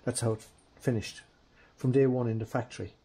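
Heavy background noise surrounds a mid-range male voice talking a little fast. A restoration vlogger, he narrates a casual how-to from his garage workshop, relaxed, thinking aloud mid-task and addressing viewers as "guys."

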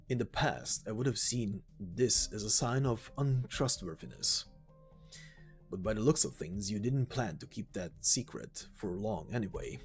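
In an amateur reading of a game story, a man with a lowish voice plays a stern, weary mercenary warrior who gives grave warnings.

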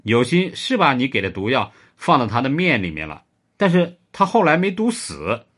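A man's voice: big pitch swings, normal speed, fairly bright tone. A man voicing a clingy, sulky young woman with a raised, whiny voice in a spoken story. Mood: sulky, pouting. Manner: whiny, pouting, raised pitch.

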